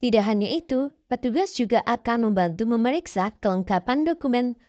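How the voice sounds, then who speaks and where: A woman's voice: a little high, animated, fairly quick, darkish tone, no echo. A woman narrating a scripted explainer in the manner of a presenter with casual asides. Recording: dull, dry voice-over.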